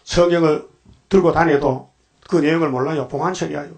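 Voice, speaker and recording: A man's voice: fairly high pitch, fairly even intonation, a little fast, vocal fry, a little mellow. An older man preaching a dawn sermon as pastor, firing off rhetorical questions and sudden emphatic bursts.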